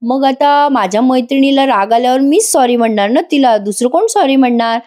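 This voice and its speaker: Gentle teasing young husband, read by a woman. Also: extremely high pitch, animated, a little fast, voice pushed up. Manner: teasing, affectionate. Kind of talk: reading a character's lines in a TV review.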